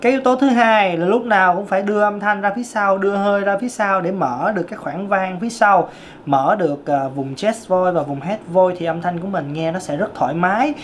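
A man's voice: high-pitched, fairly quick, slight background noise. Southern Vietnamese tenor man coaching singing. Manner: explanatory, emphatic, repeats key points. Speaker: vocal coach. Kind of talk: singing lesson.

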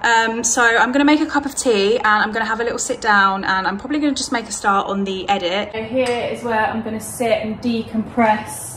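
A woman's voice: fairly high pitch, steady tone, brisk, few pauses, fairly bright tone, a little hiss or hum, low-quality recording. Chatty woman vlogging at home. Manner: chatty, rambling, self-deprecating. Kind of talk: casual vlog chat to camera. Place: bedroom at home, indoors. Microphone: phone camera.

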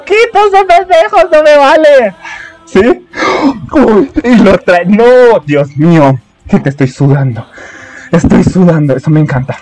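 A man with a Colombian accent hosting a reaction video, talking excitedly and exclaiming at his viewers. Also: sits high. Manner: animated, exclamatory, chatty with viewers.

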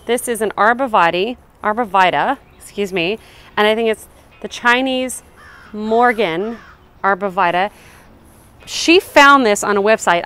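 A woman with a medium-pitched, fairly bright voice leads a casual, upbeat garden tour outdoors, explaining things as she walks. She films it on a handheld camera in selfie framing.

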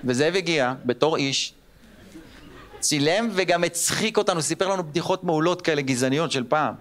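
On a theater stage before a live audience, a stand-up comedian in his thirties tells stories from his childhood, switching to squeaky and gruff voices for the characters. Loud crowd laughter fills the live recording.

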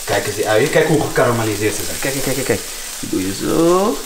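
A man chatting casually in street slang as he cooks, repeating words excitedly. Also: mid-range voice, a little fast. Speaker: home cooking vlogger. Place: home kitchen with food sizzling. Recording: roomy kitchen, clear background noise.

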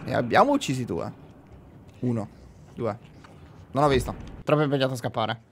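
A young man giving jokey, excitable let's play commentary on a horror game, talking to viewers and breaking into panicked yells. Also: medium pitch, moderate pace, gravelly, slight background noise. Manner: addresses viewers directly. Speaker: gamer playing a horror game.

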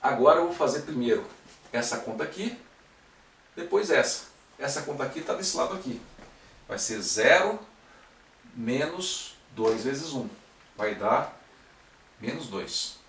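A man's voice: mid-range voice, lively intonation, a little slow, pauses often, fairly bright tone. A man teaching a math lesson step by step, often checking in with his students as he works. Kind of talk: recorded classroom-style lecture. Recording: echoey room, mic at a distance.

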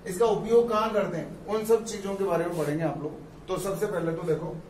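Man teaching, high voice, echoey room. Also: fairly even intonation, a little mellow, a little hiss or hum. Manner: explains step by step, repeating terms slowly. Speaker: physics teacher. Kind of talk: classroom lecture. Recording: echoey room, mic far off.

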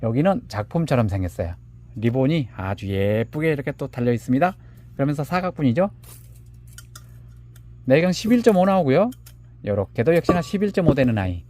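A man presenting handmade succulent pots for sale, measuring each one aloud and calling the pots "little ones" in a gentle, unhurried way. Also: medium pitch, very animated. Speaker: seller of handmade plant pots. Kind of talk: product showcase live sale.

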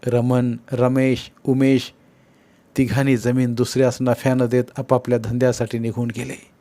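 A man reading a mystery novel aloud in a measured, dramatic way. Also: medium pitch, flat delivery, warm tone, dry recording. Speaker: audiobook narrator.

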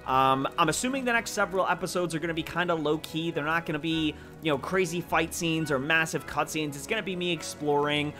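Man, gameplay commentator, upbeat and chatty, fairly high bright voice. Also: a little fast, hardly any pauses, faint music behind. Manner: excitable, gushing, chatty. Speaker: let's play host.

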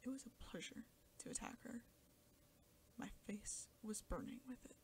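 Woman narrating in a hushed, intense voice. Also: on the high side, normal speed. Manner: intense, often half-whispered dramatic reading. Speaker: audiobook narrator. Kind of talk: scripted story narration.

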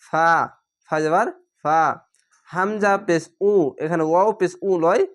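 A man's voice: high voice, measured pace. Patient man spelling out Quran syllables. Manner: patient, spells syllables letter by letter and repeats rules. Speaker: Quran reading teacher. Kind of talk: slow spelled-out recitation lesson.

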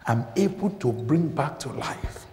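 A man preaching a sermon, impassioned, moving from loud declarations to hushed near-whispers. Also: mid-range voice, lively intonation, a little slow. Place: church. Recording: church hall reverb.

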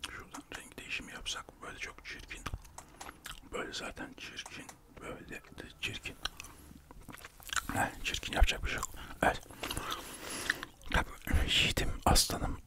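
A man's voice: a little fast, long pauses. Whispering man chewing gum. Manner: chatty, rambling storytelling. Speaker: ASMR video creator. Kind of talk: whispered ASMR chat.

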